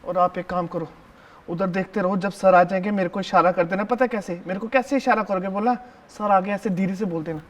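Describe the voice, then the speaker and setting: Playing a seventh-grade schoolboy in his one-man show, a man speaks to the audience in a very high, boyish voice with fairly even intonation and a natural sound at a fairly quick pace. The cheeky, chatty boy comes across as bossy and tattling. He keeps hushing and ordering classmates around and fawns over the teacher, saying "sir" in every sentence.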